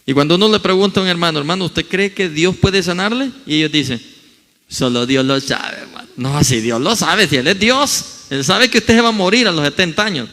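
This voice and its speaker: Animated bright-voiced male pastor preaching. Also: long reverb tail. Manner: preaching with big swings of pitch, dramatizing scripture quotes. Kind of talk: sermon. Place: church hall.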